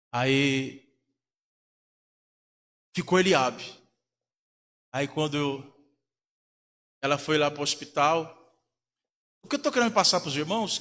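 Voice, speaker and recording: Once more the Brazilian pastor is telling a family story from the pulpit, putting on the voices of its characters. He speaks high, in a pushed, bright tone, and the church hall gives his words a long echo.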